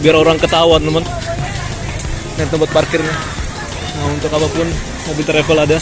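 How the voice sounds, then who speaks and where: A Jakarta man with a Batak accent vlogs as he walks down a busy city street, chatting casually and calling his viewers friends. His voice is fairly high and completely flat, at a moderate pace. Street crowd noise and music sit behind him.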